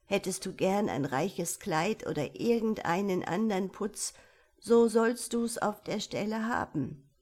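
A woman's voice: medium pitch, measured pace, darkish tone, lightly acted. A woman voicing a lovesick little hunchbacked old man who pleads in sorrow, in a storybook reading. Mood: pleading.

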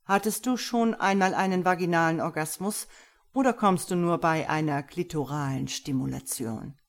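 A woman's voice: lowish voice, close to an everyday voice. A woman voicing a stern, commanding dominant man. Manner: cold, measured commands.

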